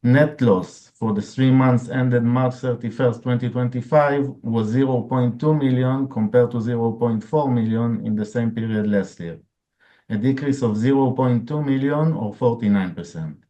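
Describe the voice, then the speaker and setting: Reading from a scripted financial report, a man serving as chief financial officer formally presents figures on an earnings call. His mid-range voice has a warm tone and a normal pace, though the audio sounds dull.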